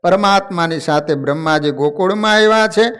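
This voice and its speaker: A man's voice: sits high, brisk, fairly bright tone, clean tone. A man narrating a devotional story, animating the characters as he tells it. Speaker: religious storyteller.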